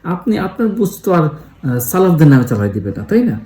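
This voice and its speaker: A man talks through a religious lesson in a relaxed, mellow voice, filming himself in a roomy space that rings back. He pauses often to think and slips English words into his sentences, building his point through everyday examples. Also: fairly high pitch. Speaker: Islamic explainer. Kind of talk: casual explanatory lesson. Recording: echoey room.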